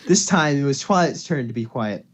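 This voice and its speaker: Animated and speaking at normal speed, a man with a medium-pitched voice reads fan fiction to his co-host. He trips over words and starts lines again. The voice call, recorded at home, is noisy.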